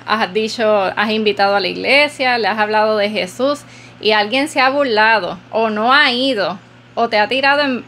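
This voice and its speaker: A woman's voice: on the high side, a bit bright, slight background noise. A woman podcast host giving an earnest, preacherly devotional talk, repeating phrases for emphasis.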